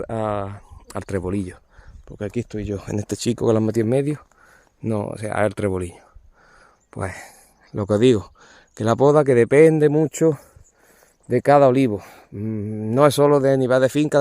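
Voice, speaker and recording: Out in an olive grove, a male olive pruner casually explains pruning in a hands-on field demo, always pointing things out for viewers. He has a lowish, warm voice at normal speed, captured in studio quality with no echo.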